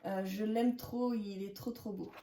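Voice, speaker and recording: Woman in her 30s, unhurried, hesitant scrapbooking vlogger; echoey room. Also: mid-range voice, fairly even intonation. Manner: chatty, with many hesitations and soft laughs. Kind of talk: casual haul chat to camera.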